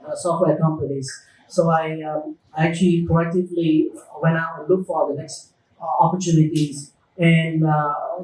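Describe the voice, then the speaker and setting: A man from Vietnam, a company executive, talking in a casual fireside chat at an office event, measured and halting with frequent restarts. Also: a little high, a little mellow, a little hiss or hum. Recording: roomy echo, mic far off.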